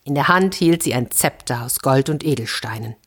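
A woman reading a fairy tale aloud for children, lively and expressive. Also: extremely low pitch, normal speed, husky. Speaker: storyteller.

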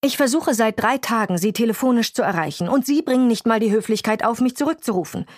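Woman reading self-assured woman chemist, clipped accusing delivery, higher voice, dry close audiobook. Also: expressive, quick pace, dry recording. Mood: indignant.

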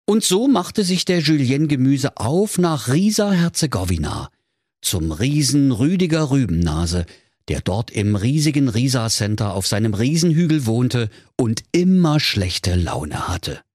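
A man's voice: medium pitch, sing-song, measured pace, darkish tone, no room sound, studio quality. Playful male fairy-tale narrator. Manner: storytelling, playful wordplay.

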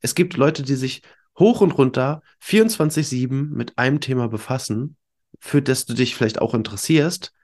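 A man's voice: medium pitch, vocal fry, darkish tone. A man with a congested, stuffed-up nose hosting an informal solo podcast, addressing listeners directly in an emphatic, coaching way with rhetorical questions. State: congested with a cold. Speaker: podcast host.

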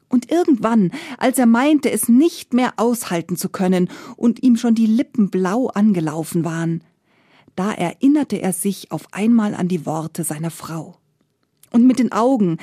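A woman tells a folk tale with expressive storytelling, often sinking to a soft whisper at the ends of phrases. Her voice sits in a middle register, recorded dry and close. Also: medium pitch, no room sound. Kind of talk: fairy tale narration.

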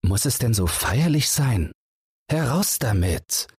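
A man voicing a restless, irritable man who bursts out brusquely, pitched well above his own husky voice. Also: big pitch swings, slow pace, no echo, clean studio sound, full character voice. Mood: impatient. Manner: agitated, jeering outbursts.

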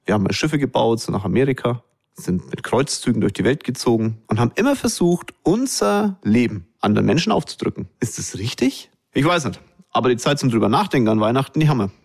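A man hosts a podcast alone, ranting bluntly and colloquially as he speaks straight to his listeners. His pitch swings up and down a lot, so the talk sounds lively and animated. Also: fast talker, breathy edge. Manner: addresses listeners directly. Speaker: podcast host. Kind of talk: monologue podcast commentary.

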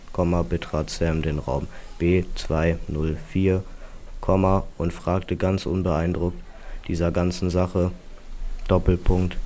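A man's voice: sits low, a little hiss or hum. A man reading a comic fairy tale aloud, dryly speaking every punctuation mark as a word. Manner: reads punctuation marks aloud, flat and dry. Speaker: story reader.

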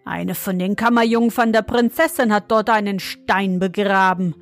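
A woman voicing a gruff, surly male ogre who grumbles his answers. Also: medium pitch, steady tone, normal speed, faint music behind, close to an everyday voice. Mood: grumbling.

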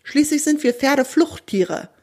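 A woman's voice: sits high, lively intonation, unhurried, darkish tone, voice pushed up. A woman voicing an earnest female horse in a children's audio story, explaining herself plainly. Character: female mare, startled then calmed.

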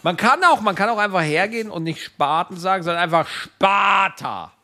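Brief: animated man, podcast co-host, higher voice, very expressive, swears, plays bits up big. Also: fast. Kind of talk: casual podcast chat. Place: at home. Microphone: podcast microphone.

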